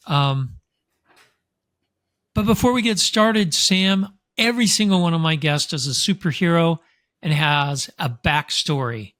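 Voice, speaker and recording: A man's voice: fairly high pitch, fairly bright tone, no room sound. A man hosting a podcast, reading a scripted intro and then chatting with an upbeat, enthusiastic manner. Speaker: podcast host. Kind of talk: scripted show intro and casual interview.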